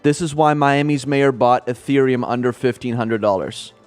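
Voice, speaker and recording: Casting: male markets commentator raised in Kenya, even delivery, faint music. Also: mid-range voice, normal speed. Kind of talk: financial news talk.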